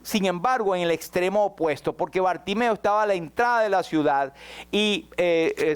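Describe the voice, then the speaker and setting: A man preaching a sermon as pastor, rising high and dropping to a hush, questioning his congregation directly. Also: smooth. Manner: dramatic swings between raised and hushed passages.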